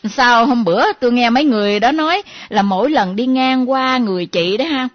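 An actress playing a nosy younger female friend who teases and mocks in a lively way. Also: a little high, brisk, close to an everyday voice. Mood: teasing. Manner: teasing, lively, mimicking. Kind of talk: comedy sketch acting. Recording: dull lo-fi recording.

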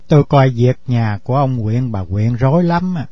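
A man voicing a calm older district official who speaks slowly and gives measured advice. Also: mid-range voice, no echo, close to an everyday voice. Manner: slow, measured, advising. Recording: dull lo-fi recording.

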